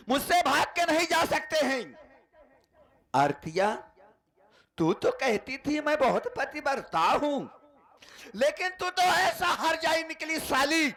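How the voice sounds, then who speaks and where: A man's voice: extremely high pitch, a bit bright, full character voice. A man playing a betrayed, vengeful husband in a folk stage play, declaiming to the audience.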